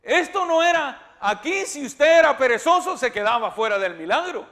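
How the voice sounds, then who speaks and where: A male pastor preaching a sermon, emphatic and repeating his words, now and then rising to loud cries. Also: very high voice, big pitch swings, moderate pace. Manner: repeats words and restarts often. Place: church.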